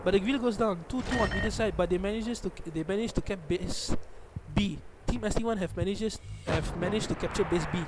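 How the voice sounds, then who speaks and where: A young man with a Malaysian accent calls a live esports match for his stream, his voice sitting high. He gets excited quickly and keeps correcting himself as he goes. A steady noisy hum runs under the whole recording. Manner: excitable, often corrects himself mid-phrase. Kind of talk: live tournament commentary.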